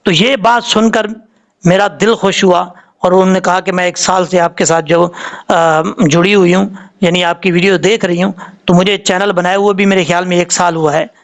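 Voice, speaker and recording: A man's voice: high voice, steady tone, moderate pace. A man with a Pakistani Urdu accent teaching Quran reading, patiently drawing out letter sounds to show how they are said.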